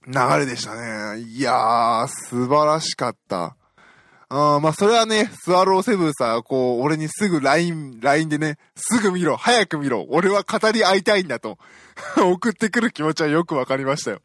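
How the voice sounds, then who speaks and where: A man's voice: on the high side, very animated, moderate pace, a bit bright, no echo, clean studio sound, soft background music. A man hosting a podcast, giving a casual, chatty film review with frequent fillers and self-deprecating fan humor. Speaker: podcast host.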